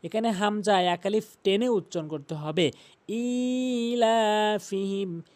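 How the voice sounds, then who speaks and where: A man teaching Quran recitation, patiently repeating pronunciation rules and chanting slow examples. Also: high voice. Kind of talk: recitation lesson.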